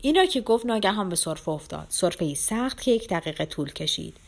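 A woman's voice: medium pitch, animated. Woman narrating an audiobook.

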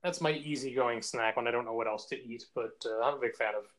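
A man's voice: mid-range voice, fast talker, fairly bright tone, low-quality recording. A man in his forties from the United States, co-hosting a casual podcast chat with an easygoing, joking, self-deprecating manner. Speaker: podcast co-host.

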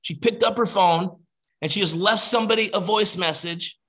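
A man coaching his team in an energetic, casual motivational training over a video call. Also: sits high, moderate pace, husky. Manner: energetic, emphatic, casual, repeats "you gotta".

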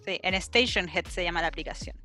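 A young woman with a Chilean accent, chatting casually as a podcast co-host and telling stories with animated acted-out quotes. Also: fairly low pitch, fairly quick, faint music behind. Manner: animated storyteller who acts out quotes and squeals. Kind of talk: casual chat.

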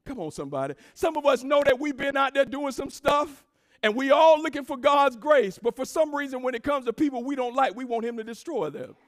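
A woman pastor preaches an emphatic, rousing sermon, expressive and a little fast. She calls out to the congregation in call-and-response fashion, shifting from low asides to shouted, sing-song cadences.

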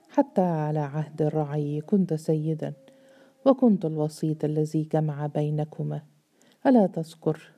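A woman's voice: low-pitched, warm tone. A woman voicing an earnest, loyal woman servant who speaks in a fervent, imploring way.

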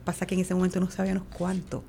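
Creaky-voiced woman telling a family story. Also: fairly low pitch, completely flat delivery, rapid-fire, warm tone. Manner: acts out quoted dialogue, many fillers. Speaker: interview guest. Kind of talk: personal storytelling in conversation.

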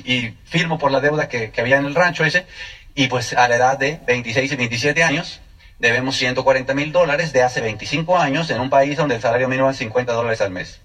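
A man's voice: mid-range voice, a bit bright. A middle-aged man with a Mexican accent, telling his story to an audience in a joking, direct way. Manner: brisk, joking, addresses listeners directly. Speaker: guest sharing a testimony. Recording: voice picked up from a distance.

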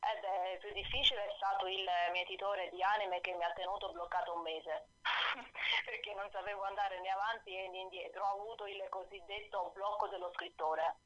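A woman author calling in to a radio interview over the phone, hesitant, with many fillers and soft laughs. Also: medium pitch, fairly even intonation, normal speed, no echo. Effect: voice heard over the phone. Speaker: author guest on a radio show. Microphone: telephone. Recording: dull, dry phone line.

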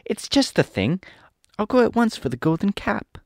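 A man's voice: sits high, wildly swooping pitch, fairly quick, darkish tone, no room sound, studio quality, voice pushed up, full character voice. A man voicing an earnest little girl who longs for home, in a storybook reading. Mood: joyful.

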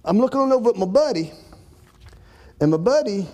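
A man telling a lively story to an audience, acting out scenes. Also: high voice, normal speed. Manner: folksy Southern-style storytelling, acts out shouts for help.

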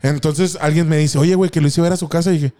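A young Mexican-accented man co-hosting a podcast narrates a story in relaxed, slangy banter, laughing and acting out quotes. He speaks very fast with a fairly high, warm voice and a steady tone.

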